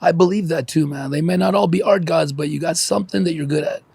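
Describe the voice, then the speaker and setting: A man's voice: fairly high pitch, fast, creaky, a little mellow, slightly rough, no echo. A man in his forties, a podcast guest, talking candidly and emotionally with lots of swearing, close to tears. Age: 40s. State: teary.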